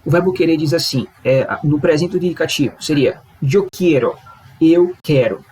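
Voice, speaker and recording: A man's voice: a little high, moderate pace, warm tone, breathy edge, rough recording. A man teaching a language lesson, patiently explaining step by step and often checking in with his listeners.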